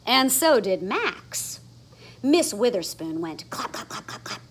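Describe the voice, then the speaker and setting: A slight hiss or hum sits under this woman's mid-range voice as she reads a children's story slowly with big pitch swings. She's an expressive storybook reader who makes the sound words dramatic.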